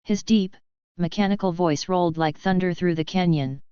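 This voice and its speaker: A woman narrating a fan-fiction story in a steady, measured reading. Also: fairly low pitch, smooth, dry recording. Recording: slightly dull, dry recording.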